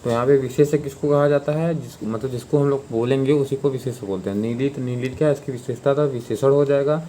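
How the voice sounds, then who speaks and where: A man's voice: mid-range voice, fast, mellow, a little hiss or hum. A man teaching a grammar lesson for exam preparation in an informal, repetitive way, with many fillers and frequent check-ins.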